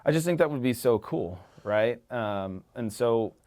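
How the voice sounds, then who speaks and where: A man chatting as a podcast guest, a rambling, animated storyteller who swears casually. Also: mid-range voice, a little slow. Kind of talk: casual conversation.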